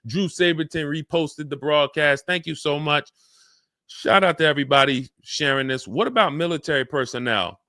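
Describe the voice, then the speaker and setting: An energetic man hosts a live car-buying Q&A, his voice bright and forceful over a close, dry mic. He talks casually and slips into little acted-out buyer and salesman asides. His pitch sits a bit higher than most men's. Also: normal speed, dry recording. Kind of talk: live-stream Q&A, casual and animated.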